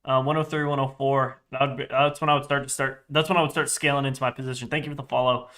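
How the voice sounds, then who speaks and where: A young man with a congested, stuffy voice chats casually on a live trading stream, reading chat aloud, rambling and correcting himself. His mid-range voice is flat, fast, pushed and bright.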